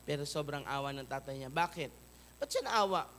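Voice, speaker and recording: Bright-voiced Filipino pastor preaching. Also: male voice, animated, brisk, slight background noise. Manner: switches between loud emphatic peaks and soft low pleas. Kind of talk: sermon.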